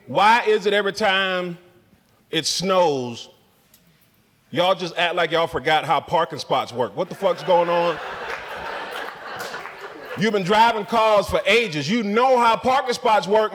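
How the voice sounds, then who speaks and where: A man doing a profane, ranting stand-up set in a comedy club, mocking people in shouted put-on voices. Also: high-pitched, expressive, slow pace, long pauses, big-room sound, a little hiss or hum. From Spokane area resident since 2001.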